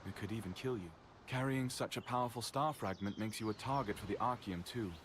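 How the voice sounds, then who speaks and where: A man voicing a grave, rock-bodied male guardian in a game, his voice sounding metallic and robotic as he gives earnest, measured advice. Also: lowish voice, slight background noise. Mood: solemn concern. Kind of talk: game character dialogue.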